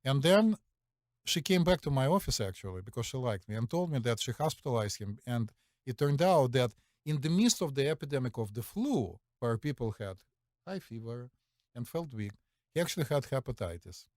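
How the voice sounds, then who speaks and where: Chatting casually on the podcast he co-hosts, the Russian-accented middle-aged doctor spins confident stories packed with fillers and repeated "right?". He speaks at normal speed in a mid-range, very animated, slightly mellow voice, with studio-quality sound and no room sound.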